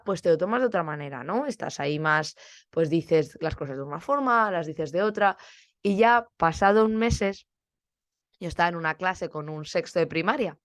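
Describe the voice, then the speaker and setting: A woman's voice: lowish voice, dry recording. Chatty Spanish-accented woman teacher podcasting. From Spain. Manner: chatty, animated, acts out classroom dialogue. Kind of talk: casual podcast monologue.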